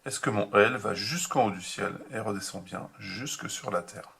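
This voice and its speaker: Guy teacher talking to little kids, patient and slow, bright but gravelly voice. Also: on the low side, slight background noise. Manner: slow, patient, spells out each step for children. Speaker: kindergarten teacher. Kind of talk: remote handwriting lesson for young children.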